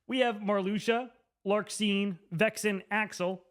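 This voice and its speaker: A man's voice: high voice, fairly even intonation, slow pace, a bit bright. A man drunkenly explaining a story to camera in a loose, slangy comedic ramble, repeating words for emphasis. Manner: emphatic, repeats names and phrases for effect. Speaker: presenter.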